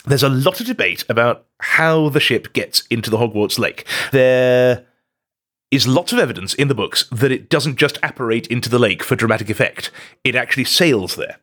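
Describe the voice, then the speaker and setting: A man's voice: mid-range voice, normal speed. A young man chatting enthusiastically as a podcast co-host and tour guide. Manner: enthusiastic, animated storyteller. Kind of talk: casual group chat.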